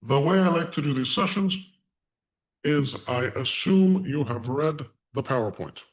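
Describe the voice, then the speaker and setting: A man teaching a live online class in deliberate short phrases, his voice disguised as deep and unclear by a voice changer. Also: expressive, low-quality recording. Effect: voice changer giving a disguised deep, Darth Vader-like voice. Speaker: online course instructor. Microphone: online video call through a voice changer.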